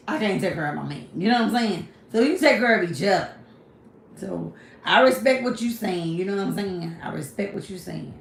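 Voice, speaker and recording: Gravelly-voiced woman chatting on a livestream. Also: mid-range voice. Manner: talks straight to viewers, reads comments and answers them; repeats "you know what I'm saying" often. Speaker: livestream host. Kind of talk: casual livestream chat. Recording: echoey room, faint background hiss.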